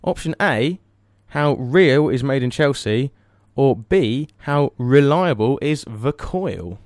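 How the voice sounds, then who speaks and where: A young man from England hosts a casual podcast, trading quick teasing jokes. His voice sits at an ordinary pitch. The sound is dry and close. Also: lively intonation, darkish tone, no room sound. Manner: joking, quick teasing banter. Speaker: podcast host. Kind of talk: casual chat.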